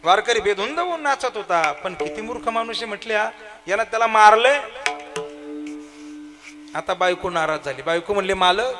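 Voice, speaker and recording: A male devotional preacher telling a story in a sermon, dramatic, swinging between loud cries and hushed asides, on a stage microphone. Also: sits high, lively intonation, normal speed, pauses often, over music. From Maharashtra. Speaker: kirtan preacher. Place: stage at a crowded kirtan with loudspeakers.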